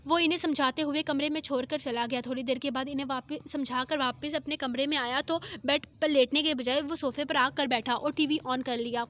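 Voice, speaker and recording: A woman narrating a romance novel in a steady reading voice, with small restarts. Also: high-pitched, brisk, hardly any pauses, slight background noise. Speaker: novel reader.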